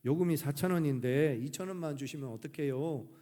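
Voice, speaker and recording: A pastor voicing a young Seoul taxi driver who asks politely and sounds puzzled. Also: male voice, on the high side, a little fast, warm tone, close to an everyday voice.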